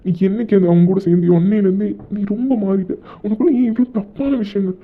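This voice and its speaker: A man's voice: high voice, quick pace. A man voicing Aadhi, a blunt, teasing young man who scolds and bosses his friend, in an amateur audio drama. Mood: scolding. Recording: tinny phone-like recording.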